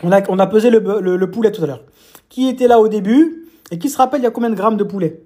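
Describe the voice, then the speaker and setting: A man's voice: sits high, fast talker, warm tone, echoey room. A man chatting casually on a live stream while eating, teasing his viewers with playful mini lessons and quizzes. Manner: chatty, teasing, mock-lessons, talks with mouth full. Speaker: fitness coach streaming live.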